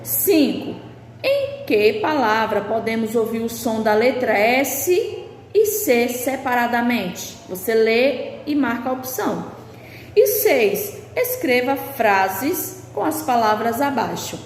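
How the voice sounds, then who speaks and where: A woman's voice: on the high side, animated. A woman teacher with a Brazilian Portuguese accent, patiently reading through workbook exercises in a remote lesson. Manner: slow, patient explaining, reading out questions. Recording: echoey room with long reverb, faint background hiss.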